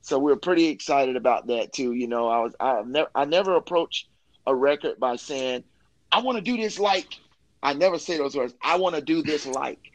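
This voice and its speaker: An enthusiastic musician chats informally in an interview about his career and his new album, using loose, friendly slang at a moderate pace. His voice sits at an ordinary middle pitch. The recording is poor in quality and very dry, with no room sound.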